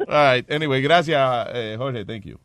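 A man's voice: mid-range voice, measured pace, fairly bright tone, no room sound. A man hosting a comedic radio show in a studio, brash, profane and exclamatory, switching between Spanish and English. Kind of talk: comedic casual talk, mixing Spanish and English.

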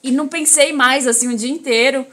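A woman with a high, bright voice tells a story in relaxed conversation. She acts out quoted lines with lively shifts in her voice. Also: brisk. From Belém, Brazil. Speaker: guest telling a pregnancy story. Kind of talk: casual podcast chat.

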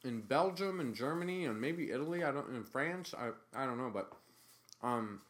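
A man co-hosting a podcast in casual, joking chat, with playful deadpan asides. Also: medium pitch, normal speed. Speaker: podcast co-host.

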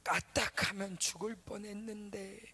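A woman voicing a menacing devil-like voice of fear that taunts slowly and lowly. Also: steady tone, sharp tone, slightly rough, heavily acted. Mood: taunting. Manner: slow, low, taunting.

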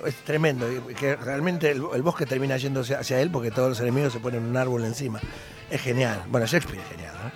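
Middle-aged male singer, Argentine accent, animated radio guest, music clearly behind. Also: medium pitch, fast talker. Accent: Argentine Spanish. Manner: animated storyteller, trails off with hesitations. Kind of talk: casual radio interview chat.

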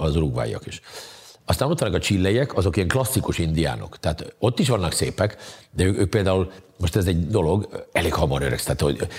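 Man, very deep voice, husky, casual chat, crude joking storyteller.

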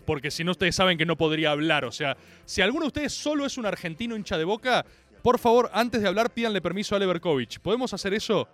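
A man with a Rioplatense Spanish accent hosting a comic monologue, animated, theatrical and full of slang. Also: high voice, quick pace, faint music behind. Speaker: host.

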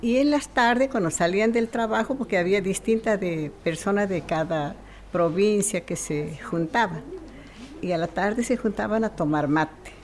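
A woman playing an old country firewood seller who tells a homespun joke, speaking slowly with acted-out quotes and faint noise behind. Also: medium pitch, lightly acted. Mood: folksy, amused. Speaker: comic storyteller. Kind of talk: folksy joke telling.

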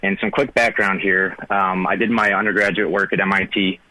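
A man's voice: sits low, fairly even intonation, a little fast, pushed and bright, no echo, rough recording. A man, calling in to a radio show and explaining earnestly with many fillers. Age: 30s. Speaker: caller.

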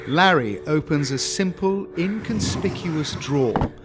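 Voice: medium pitch, animated, unhurried, over music. A storyteller giving a campy, melodramatic comic narration of a gruesome tale.

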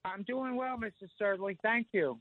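A man's voice: high-pitched, normal speed, no room sound. A radio show caller in his fifties speaks through a tinny, phone-thin line with a dry, close sound. He has a slightly raised voice for a man. He rambles through a personal story, padding it with "you know" and "like". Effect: phone line call-in to a radio show.

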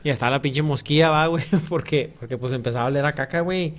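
A man's voice: on the high side, fast talker. A man rambling through a crude joke, padding it with slang fillers. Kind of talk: casual comedy chat.

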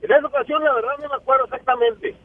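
A man calling in, telling a story in halting speech with restarts. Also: extremely high pitch, steady tone, husky. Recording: tinny phone line.

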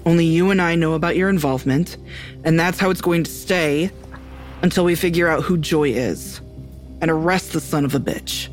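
An actress playing a blunt, tough sheriff who speaks in a curt, commanding way. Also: female voice, low voice, normal speed, faint music behind, natural voice. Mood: stern. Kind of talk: audio drama acting.

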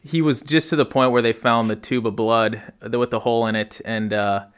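A man hosting a podcast, chatty and animated. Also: medium pitch, brisk, clean tone. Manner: animated, chatty, laughs easily. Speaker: podcast host. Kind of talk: casual podcast chat.

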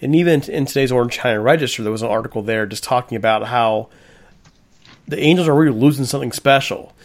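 Gravelly sports radio host. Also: male voice, medium pitch, fast talker. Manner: direct, addresses listeners as folks. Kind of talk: sports talk radio hosting.

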